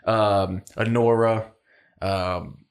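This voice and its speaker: A man's voice: fairly low pitch, drawn-out words. A young man co-hosting a casual film podcast, laughing often and jumping between jokes and lists. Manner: animated, laughs often, drops into mock voices. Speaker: podcast co-host. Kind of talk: casual chat.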